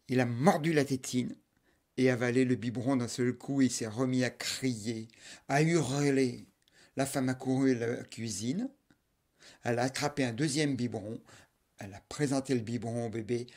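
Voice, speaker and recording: A man telling a folk tale aloud, with rhythmic repetitions and sudden loud outbursts. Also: medium pitch, moderate pace. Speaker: storyteller.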